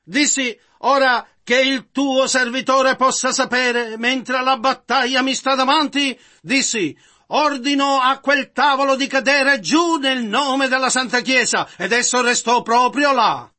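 A man interpreting a sermon in measured phrases that echo the preacher. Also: extremely high pitch, steady tone, sharp tone.

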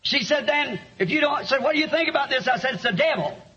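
A preacher with a very high, bright voice, telling stories that climb into shouted lines. The sermon was recorded lo-fi, so the sound is muffled and dull. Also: male voice, expressive, fairly quick. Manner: storytelling, rising to shouts. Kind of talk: sermon with an interpreter.

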